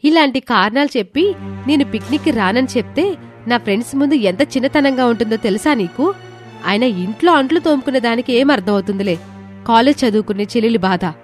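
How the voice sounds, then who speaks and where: A woman performs a stubborn teenage younger sister in an audio story. The voice sits a little high and snaps back with petulant, sharp-tongued retorts. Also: expressive, fairly quick, soft background music, close to an everyday voice. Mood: resentful. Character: lively teenage sister, sulky and defiant.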